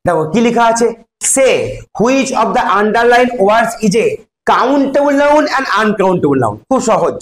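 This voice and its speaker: Bengali teacher quizzing a class. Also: male voice, very high-pitched, expressive, very slow, slight background noise. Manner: explains step by step, quizzing students. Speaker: English teacher. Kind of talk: classroom grammar lesson. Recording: echoey classroom.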